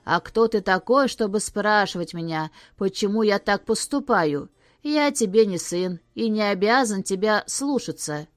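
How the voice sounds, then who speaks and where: A woman's voice: medium pitch, animated, a little slow, no echo, studio quality, close to an everyday voice. A woman voicing a vain, cruel boy who speaks with sneering contempt in a storybook reading. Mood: angry.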